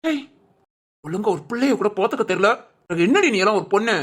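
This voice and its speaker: A voice actor playing an angry young husband in a cartoon, scolding his wife in a sharp, bossy way. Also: medium pitch, lively intonation, fast talker, natural voice. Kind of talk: cartoon voice acting.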